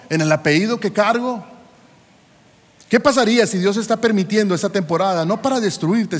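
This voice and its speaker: Man in his forties, sermon, emphatic rhetorical questions, high pitch, reverberant church hall. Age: 40s. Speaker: pastor.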